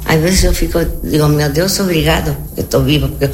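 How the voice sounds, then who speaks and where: Here an elderly native Spanish speaker from Argentina, with an Argentine accent, talks briskly in a voice that sits low, over slight background noise. As an interview guest she shares memories conversationally, repeating words and asking for agreement.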